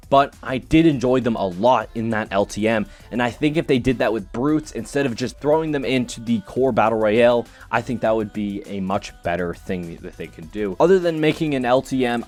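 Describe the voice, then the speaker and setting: Opinionated male gaming commentator. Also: medium pitch. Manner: sarcastic, opinionated.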